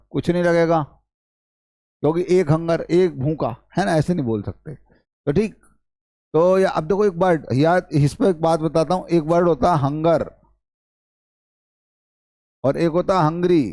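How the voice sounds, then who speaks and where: A male teacher runs a classroom-style English lesson, pitched a little high. He keeps firing questions at the class and repeats each point, calling his students brother. The sound is dry and close. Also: measured pace, long pauses, darkish tone, no room sound.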